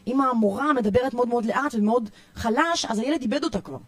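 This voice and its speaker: A woman youth coach with an Israeli accent, giving parenting tips in a podcast interview in an energetic, emphatic way, often repeating herself. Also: on the high side, dry recording. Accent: Israeli Hebrew. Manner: energetic, repetitive, emphatic listing.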